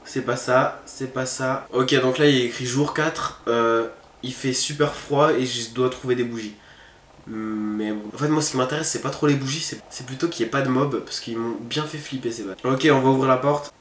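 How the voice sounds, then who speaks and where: This man speaks at a medium pitch and a normal speed, keeping his tone steady. He's a gamer running a horror let's-play, musing aloud and talking informally to his audience. There's an echo from the room and faint noise behind him.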